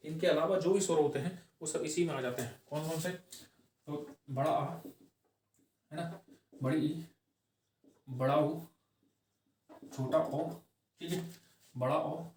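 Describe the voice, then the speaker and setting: A man runs an exam-prep grammar lesson, asking questions and answering them himself. He repeats key phrases slowly and keeps checking in with a quick "okay". His slightly raised voice comes from some way off the mic in a reverberant room. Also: fairly high pitch, a little mellow, slight background noise. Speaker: Hindi grammar teacher. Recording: echoey room, voice from far off the mic.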